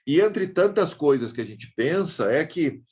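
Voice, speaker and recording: A man's voice: fairly high pitch, big pitch swings, a little slow, darkish tone, husky, dull audio. A man giving a university class, thinking aloud with many tag questions and restarts. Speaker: university lecturer. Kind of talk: reflective online class talk.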